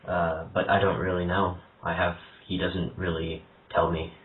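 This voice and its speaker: A young man makes a prank phone call posing as a troubled single father, stammering and hesitant in a mock-earnest way. His voice sits low with a level tone and moderate pace, heard over a tinny phone line in an echoey room with faint hiss.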